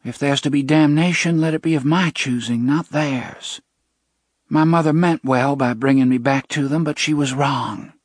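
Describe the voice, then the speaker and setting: A man's voice: fairly high pitch, moderate pace, dry recording, clean studio sound, pitched above the performer's own voice, lightly acted. A man doing a defiant young woman. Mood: pleading. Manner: archaic old-fashioned phrasing.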